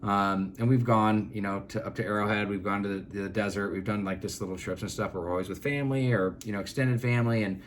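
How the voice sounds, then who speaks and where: A man's voice: lowish voice, steady tone, quick pace, hardly any pauses, slight background noise. A man co-hosting a casual podcast chat, talking earnestly and rambling with many fillers and restarts. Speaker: podcast co-host.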